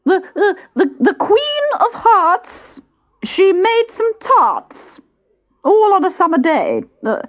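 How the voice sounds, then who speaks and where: A woman's voice: very high voice, pitched above the performer's own voice, full character voice. A woman voicing an anxious, formal rabbit who serves as court herald, proclaiming hesitantly in a storybook tale. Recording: dull cassette transfer with music.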